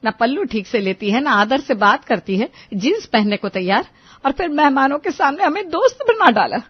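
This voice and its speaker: A woman's voice: mid-range voice, animated, moderate pace, dry recording, dull audio, natural voice. A woman voicing a strict, easily offended middle-aged mother-in-law with a scolding manner. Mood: indignant. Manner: scolding, stern.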